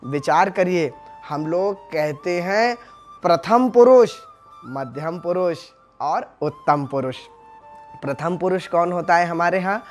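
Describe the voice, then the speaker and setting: A man's voice: on the high side, a little slow, faint music behind. A male religious teacher giving a devotional discourse, addressing the listeners as friends and sounding out syllables one by one to make his point. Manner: explains Hindi sounds by voicing each syllable; addresses the audience as friends, asks rhetorical questions.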